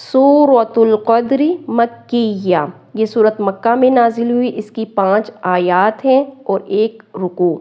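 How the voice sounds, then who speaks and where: Smooth-voiced woman teaching slow recitation. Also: medium pitch. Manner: slow, deliberate, drawing out each word; patient step-by-step explaining. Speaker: Quran teacher. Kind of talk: word-by-word Quran recitation lesson. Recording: muffled lo-fi recording.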